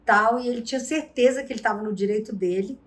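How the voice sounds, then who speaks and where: A woman with a slightly high voice hosts a casual advice vlog, talking directly to the viewer. She tells stories in an animated way and acts out the quotes. Her delivery is conversational and expressive. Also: fast talker. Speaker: vlog host and relationship advisor.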